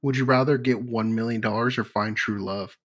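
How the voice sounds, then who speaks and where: A man's voice: medium pitch, fairly even intonation, brisk, a bit bright. A man co-hosting a podcast in casual chat, laid-back, crude and joking. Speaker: podcast co-host.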